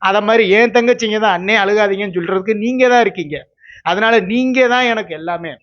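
A man's voice: high-pitched, fairly quick, fairly bright tone, dull audio. A man in his fifties, tearful, talks in a rambling, repetitive way as he pleads with his viewers in an emotional vlog monologue. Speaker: YouTube entertainer.

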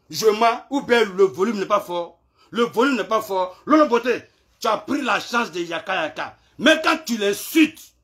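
Taunting man ranting, high bright voice. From Ivory Coast. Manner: taunting, repetitive, swings between shouting and low mutters. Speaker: social media clasher. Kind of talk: live video rant.

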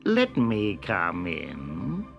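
Storybook villain: man doing a big bad wolf, slow and threatening. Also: low-pitched, wildly swooping pitch, creaky, a bit bright, dull audio, voice pushed down, full character voice. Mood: menacing. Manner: slow, drawn-out, menacing delivery. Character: big bad wolf, hungry, menacing, male. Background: background music.

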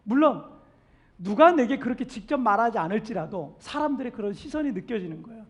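A man from South Korea delivers a Sunday sermon in a church, his voice pitched unusually high for a man. He is emphatic, rising in volume on questions and pleas before sinking into a quiet, intimate tone. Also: expressive, fairly quick, husky. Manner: emphatic, swells louder on questions and pleas, then drops soft; acts out what doubters say. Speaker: senior pastor.

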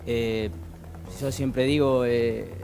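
A man in his thirties with a Buenos Aires accent speaks in a measured, quietly grieving way as an interview guest. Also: mid-range voice, little pitch movement, gravelly. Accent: Argentine Buenos Aires. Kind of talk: personal interview testimony. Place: TV studio, music behind.

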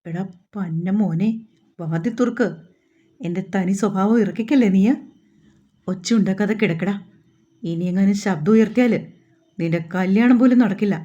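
A woman reading the part of a hot-tempered young man who curses and shouts. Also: mid-range voice, moderate pace, pauses often, highs cut off, close to an everyday voice. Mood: angry.

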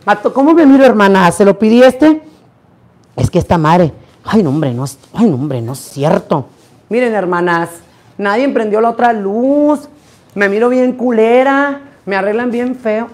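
A hoarse man runs a live stream from an indoor party. His voice sits higher than most men's, and he swears loudly and dramatically at everyone around him. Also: animated, normal speed. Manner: brash, profane, theatrical exclamations. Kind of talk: rowdy live stream banter.

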